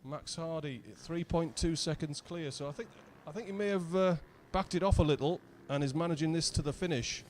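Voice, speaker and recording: A man's voice: fairly high pitch, a little fast, few pauses, a little hiss or hum. A man with a British accent doing live race commentary, chatty and asking his co-commentator questions. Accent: British English.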